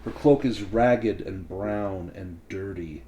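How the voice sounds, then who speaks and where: A man running a tabletop role-playing game, narrating and explaining rules in a measured way. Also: deep voice, mellow, dull audio, a little hiss or hum. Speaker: game master.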